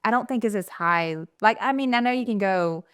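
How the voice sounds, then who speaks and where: A woman with a Southern accent hosting a podcast interview, asking questions in an encouraging way and tossing in quick asides. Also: medium pitch, fairly bright tone, clean tone, dry recording, studio quality. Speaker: podcast host. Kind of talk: casual interview chat.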